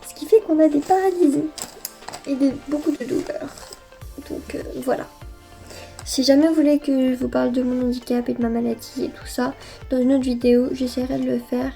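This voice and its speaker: A woman's voice: high-pitched, fairly even intonation, fairly quick, creaky, mellow, faint music behind. A woman beauty YouTuber chatting casually through a haul vlog, hesitant and full of filler sounds.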